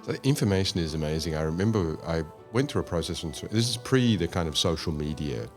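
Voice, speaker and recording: A man's voice: low voice, lively intonation, fairly quick, a little mellow, soft background music. A man hosting an interview, asking long rambling questions with anecdotes. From Australia. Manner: rambling, talks through anecdotes. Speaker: host.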